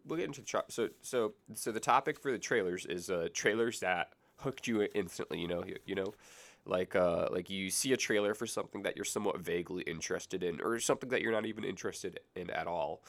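A man around twenty hosts a casual solo podcast from a basement room, his voice low, brisk, creaky and fairly bright, with a stuffy, congested nose. He rambles off on tangents, corrects himself, and cracks sarcastic jokes.

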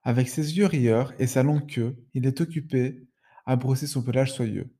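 A man reading a children's story aloud in a lively, sing-song way. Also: mid-range voice, moderate pace, slightly rough.

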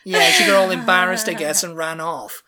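Brief: woman podcast co-host, slightly low voice, loose chatty delivery full of "like" and "you know". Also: sing-song, fairly quick, a loud crowd. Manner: chatty, acts out quoted people, many fillers. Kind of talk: casual chat reacting to comments.

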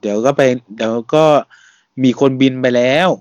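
Chatty Thai podcast host, dry sound. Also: male voice, medium pitch, normal speed, darkish tone, no echo. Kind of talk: casual podcast chat.

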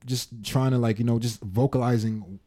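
A man's voice: medium pitch, steady tone, normal speed, dark tone. A man hosting a podcast, chatting casually in street slang. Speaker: podcast host; photographer. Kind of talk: casual chat.

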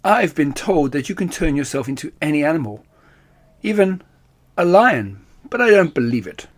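A man's voice: high voice, very animated, measured pace, pitched above the performer's own voice, heavily acted. A man voicing a cunning, bossy male talking cat in a storybook reading, purring and scheming. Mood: sly.

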